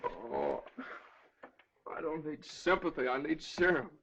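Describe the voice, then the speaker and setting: A man's voice: a little high, wildly swooping pitch, slow pace, breathy edge, highs cut off, heavily acted. An actor playing a young lawyer and frantic father, pleading urgently in 1930s film style. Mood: desperate. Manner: urgent, pleading, breaking into shouts.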